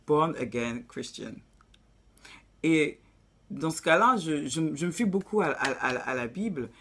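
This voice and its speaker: A woman's voice: low-pitched, lively intonation, unhurried, fairly bright tone, a little hiss or hum. A woman with an African accent giving blunt, preachy relationship advice in a casual vlog, dropping in English phrases.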